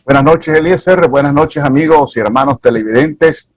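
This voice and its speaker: Measured clergyman, dry sound. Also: on the high side, no room sound. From Nicaragua. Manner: measured, formal, didactic. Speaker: reverend, guest commentator. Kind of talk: TV talk show analysis.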